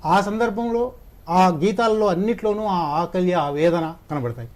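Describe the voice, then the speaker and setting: A man with a slightly high voice, speaking as a guest scholar in a discussion. He lays out his explanation in a measured, lecturing way, one point after another.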